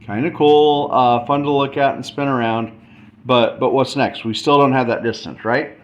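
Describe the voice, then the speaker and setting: In a slightly muffled lo-fi recording with faint background noise, a man with a mid-range voice talks at a normal speed and fairly even intonation. He's giving an informal tutorial, thinking aloud as he walks through a math and radio demonstration.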